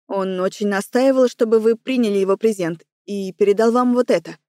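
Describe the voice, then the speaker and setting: A woman's voice: mid-range voice, a little fast, dark tone, dry recording, studio quality, pitched below the performer's own voice, natural voice. A woman voicing a nervous young male waiter in a storybook, speaking hesitantly and timidly.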